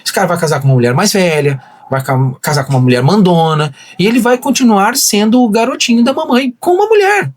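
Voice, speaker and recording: A man's voice: sits high, quick pace, few pauses. A man, a pastor, telling an emotional personal testimony in casual podcast talk, acting out dialogue as he goes. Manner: animated storyteller, acts out quoted dialogue.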